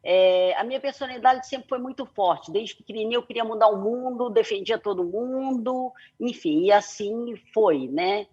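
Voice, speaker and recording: A middle-aged CEO from Belo Horizonte, speaking Portuguese with a Mineiro accent, tells her story at length as an online panel guest, sprinkling in many "né" and "é" fillers. Her fairly high, slightly mellow and rough voice runs at normal speed with hardly any pauses, and the sound is lo-fi.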